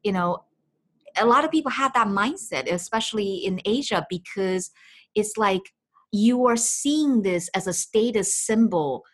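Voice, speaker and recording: A woman's voice: medium pitch, unhurried. A woman with a heavy Chinese accent, talking as a language coach and giving casual, chatty advice. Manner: animated, chatty, frequent fillers.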